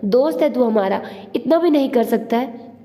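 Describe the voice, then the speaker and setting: A woman's voice: on the high side, animated, normal speed, mellow, in a large hall. A woman reading the lines of a touchy young man in an audio novel, challenging and confrontational.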